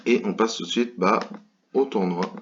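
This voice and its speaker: Man from France, very low voice, casual bridge commentary, hesitant fillers, dull lo-fi sound. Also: moderate pace, fairly bright tone, a little hiss or hum. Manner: hesitant, many fillers and restarts.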